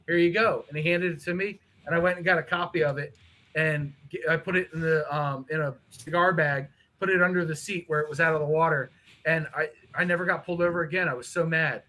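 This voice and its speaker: A man casually telling a profane, animated story on a live stream chat, mimicking the people in it. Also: a little high, fast talker, low-quality recording. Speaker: co-host.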